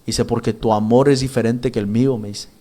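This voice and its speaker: Earnest halting man giving testimony. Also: medium pitch, fairly even intonation, warm tone. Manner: earnest, halting, with many restarts and repeated words. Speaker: church minister giving testimony. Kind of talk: spoken testimony.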